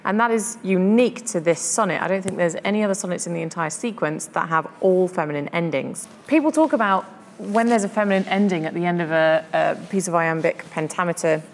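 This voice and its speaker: A woman's voice: lowish voice, a little fast, big-room sound, a little hiss or hum. A woman hosting a podcast, chatting casually about poetry and thinking aloud with fillers. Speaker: podcast host.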